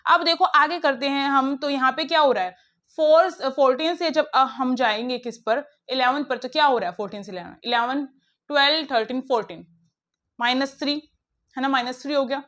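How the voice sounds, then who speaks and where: A woman with a high, light voice teaches an online lesson, pressing her students along in a brisk, coaxing way. She speaks, close to the mic. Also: a bit bright. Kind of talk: classroom lesson explaining puzzles.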